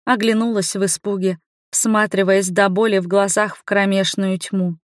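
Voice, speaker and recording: A woman narrates a first-person fantasy audiobook at a mid pitch, building tension and suspense as she reads. The recording is dry and close, with no room sound behind her. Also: little pitch movement, normal speed, dry recording. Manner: tense, suspenseful storytelling. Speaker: audiobook reader.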